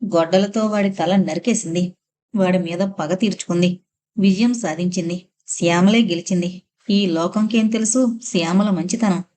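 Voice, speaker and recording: A woman's voice: lowish voice, normal speed, dark tone. A woman narrating a novel aloud in the first person, with an emotional reading style. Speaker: audiobook narrator.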